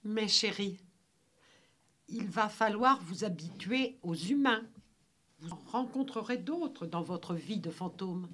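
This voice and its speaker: A woman voicing a gentle, reassuring ghost mother who speaks softly. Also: medium pitch, expressive, slow, slight background noise. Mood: tender.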